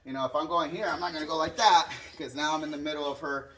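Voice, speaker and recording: A martial arts instructor speaks fast in a fairly high, steady, sharp-toned voice while casually explaining a hands-on demonstration punctuated by short counts and strike sounds. The distant-mic recording has a little hiss or hum.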